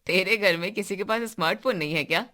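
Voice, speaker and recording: Mocking show-off teen boy in a cartoon, voiced by a woman, loud. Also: medium pitch, quick pace, close to an everyday voice. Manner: loud, teasing.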